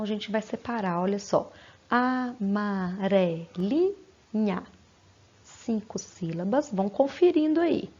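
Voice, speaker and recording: Slow, patient teacher woman, husky. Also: fairly high pitch, a little mellow, muffled recording. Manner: patient, sounds out words syllable by syllable. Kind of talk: recorded lesson for young children.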